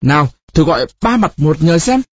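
Storybook role: heartbroken young woman, biting and tearful, read by a man in a lifted voice, animated. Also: mid-range voice, moderate pace, husky, no room sound, dull audio. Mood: bitter scorn. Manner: sobbing, accusing, sharp. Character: young woman, tearful and bitter, lashing back. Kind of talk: audiobook character reading.

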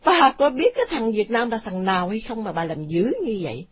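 A woman voicing a calm, jovial older father explaining himself in a story. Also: medium pitch, fairly quick, a crowd in the background, lightly acted.

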